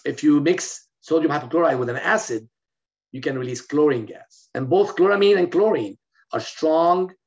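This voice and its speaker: This middle-aged doctor from Lebanon has a medium-pitched, darkish voice with vocal fry. He lectures on medicine in a recorded video call, keeping a steady explanation through fillers and restarts, with a plain indoor wall behind him. His webcam gives the audio a slightly dull, lo-fi quality.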